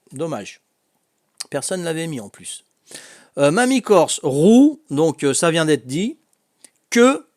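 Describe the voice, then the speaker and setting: A man with a Corsican French accent hosting a casual family quiz, chatty and quick to laugh as he reads out the answers. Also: fairly high pitch, a little mellow, no echo, studio quality. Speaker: quiz host.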